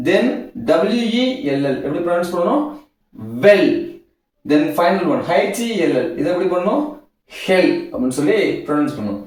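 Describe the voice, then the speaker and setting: A man's voice: high voice, darkish tone. A man teaching English pronunciation, drilling sounds in a repetitive call-and-answer way. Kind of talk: classroom-style phonics lesson. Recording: very echoey room, voice from far off.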